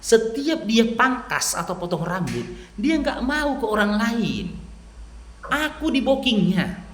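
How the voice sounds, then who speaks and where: A lively man from Medan, North Sumatra, with a Medan Indonesian accent, preaches in a high, unhurried voice. His persuasive religious talk to a listener features acted-out quoted dialogue, recorded with roomy sound and a little hiss or hum.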